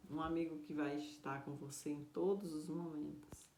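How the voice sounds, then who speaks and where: A woman playing a calm, gentle missionary. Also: fairly high pitch, normal speed, slight background noise, lightly acted. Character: calm kindly missionary man, patient and gentle. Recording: roomy echo.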